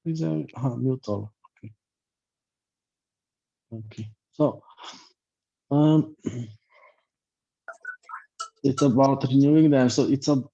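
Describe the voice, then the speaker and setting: A man's voice: mid-range voice, warm tone, muffled recording. A man with a loose, blunt manner, filler-heavy and repetitive, giving an online class as a life coach over a video call.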